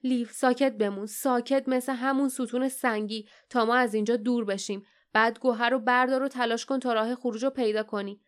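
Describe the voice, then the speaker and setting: A woman voicing a stern, decisive grown male warrior in an audiobook, giving quick angry commands. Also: fairly high pitch, steady tone, smooth, natural voice.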